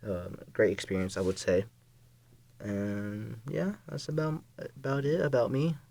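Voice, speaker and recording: A man's voice: medium pitch, steady tone, unhurried, vocal fry, darkish tone, no room sound. A man of twenty-one, a college student and podcast guest, chatting casually and laughing often.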